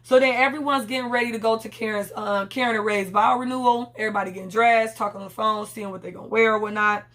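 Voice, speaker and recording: Woman, casual recap vlogger, blunt, profane, rambling, somewhat high voice. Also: fairly even intonation, fast, hardly any pauses, a bit bright. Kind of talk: casual reality show recap.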